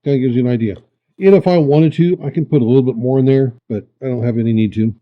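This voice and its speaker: A man's voice: medium pitch, fast. Muffled man in a casual demonstration. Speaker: host of a rock tumbling hobby channel. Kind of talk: casual hands-on demonstration talk. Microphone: camera's built-in microphone. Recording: muffled, dull camera microphone.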